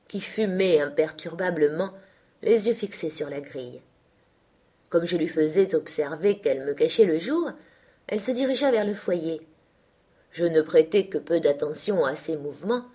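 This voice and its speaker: Woman reading an audiobook, steady. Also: lowish voice. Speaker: audiobook reader. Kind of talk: audiobook narration of a novel.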